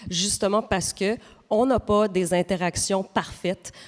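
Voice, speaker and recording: A woman's voice: on the low side, a little mellow. A middle-aged woman with a Quebec French accent, explaining at length on a panel with many fillers and anecdotes. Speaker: AI company representative. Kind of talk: panel answer to audience question. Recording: long reverb of a hall.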